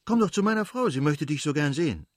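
A man's voice: mid-range voice, big pitch swings, normal speed, dry recording, clean studio sound. A man voicing a jovial, sociable middle-aged nobleman who speaks effusively in an audiobook reading. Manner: effusive, hearty.

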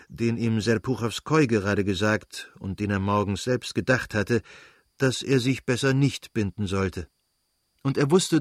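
A male audiobook narrator reads literary prose in a measured, even manner. His voice is at a middle pitch for a man. The recording is close and dry, with no room sound. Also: no echo.

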